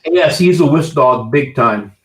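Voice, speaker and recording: A man's voice: medium pitch, animated, unhurried, roomy sound, low-quality recording. A man telling a story in a matter-of-fact way during a casual chat.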